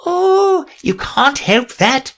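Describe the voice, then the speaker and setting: A reader plays a mad talking cat from a storybook. The voice sits high and swoops up and down, smug and teasing. It delivers riddling logic as if it were plain fact. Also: very animated, drawn-out words, a bit bright, exaggerated voice. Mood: smugly amused.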